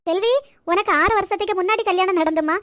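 A woman's voice: very high voice, quick pace, a bit bright, no room sound, studio quality. A woman voicing an affectionate elderly grandmother in a cartoon, bossy and doting as she runs the family. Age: older. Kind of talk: cartoon voice acting.

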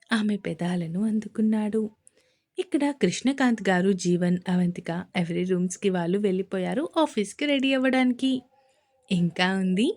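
A woman narrating a serialized romance story with an expressive, animated reading. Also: mid-range voice.

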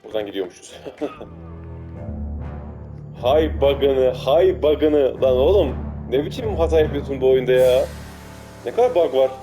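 A man's voice: medium pitch, animated, unhurried, long pauses, mellow, soft background music. A young man commentating his gameplay, getting fed up, grumbling and laughing at glitches. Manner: exasperated, swears and laughs at glitches. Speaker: gameplay streamer. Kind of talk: funny moments gameplay commentary.

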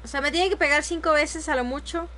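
A woman's voice: high-pitched, a little fast, bright, forceful tone, slight background noise. A young woman commentating live gameplay, often frustrated and exclaiming to herself and her viewers. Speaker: streamer.

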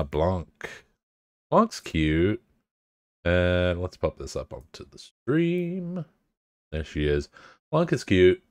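A young man streams a game, bantering with chat in a laid-back, profane way and sounding congested, a bit bunged up. His voice sits low, with studio-quality sound and no room echo.

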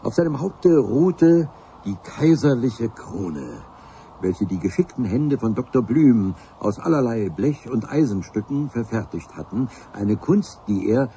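A man voices a pompous adventurer narrating his own expedition in a radio drama, telling it in a grand, ornate, first-person manner. His mid-range voice is mellow, with lively intonation and a slightly slow pace, and there's a little hiss or hum on the recording.

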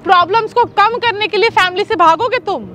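Young woman, very high voice, firm and scolding, outdoor street, faint traffic noise. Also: fairly quick, sharp tone. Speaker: host of a street social-experiment show. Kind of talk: scripted street drama.

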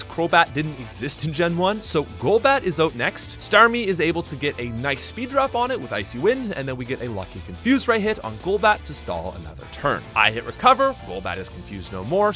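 Bright, animated young man narrating gameplay. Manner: upbeat, chatty, lively swings in pitch. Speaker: gaming YouTuber. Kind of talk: energetic game commentary voice-over. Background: faint background music.

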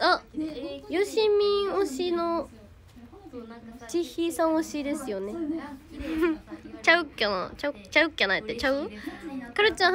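A teenage girl from Hyogo with a Kansai accent, chatting casually on a livestream, reading out viewer comments and thanking fans by name. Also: high-pitched. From Hyogo, Japan. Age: teens. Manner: bubbly, thanks viewers by name, refers to herself by name. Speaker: idol livestreamer.

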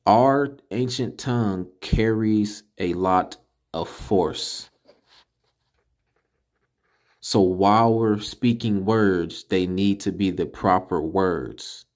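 A man with a Californian accent teaching a spoken Hebrew pronunciation lesson, emphatic and repeating syllables slowly. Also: sits low, darkish tone.

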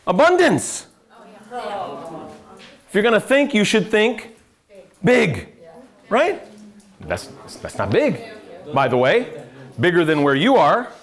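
American guy teaching a money class, slightly high voice, keeps checking the room with okay? and little sarcastic jabs. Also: very animated, slow pace, long pauses. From United States. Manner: conversational, quizzes the room, dry sarcastic asides. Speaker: financial adviser teaching a seminar. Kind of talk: live classroom lecture.

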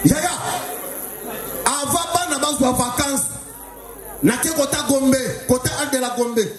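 A Congolese man doing live stand-up, telling animated stories and shouting out the punchlines. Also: very high voice, a little slow, crowd noise. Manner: animated, often shouting punchlines, mixing two languages. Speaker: stand-up comedian. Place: live stage in a hall. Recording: echoey live hall with music.

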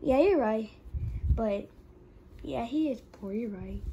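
Woman doing a high, mild little fox plush sidekick, kinda unsure. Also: animated, slow, dark tone, muffled recording, slight background noise.

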